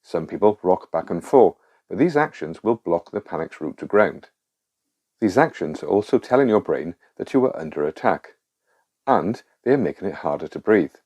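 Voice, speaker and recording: Male guide for a calm grounding exercise: low-pitched voice, reassuring, gives clear step-by-step instructions. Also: moderate pace. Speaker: guide of a panic relief exercise.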